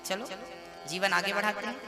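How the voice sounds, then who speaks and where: Folksy male preacher over soft music. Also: sits high, fairly even intonation, moderate pace. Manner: folksy, rhetorical questions, sings couplets. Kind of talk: devotional sermon to a live gathering. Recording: music behind the voice.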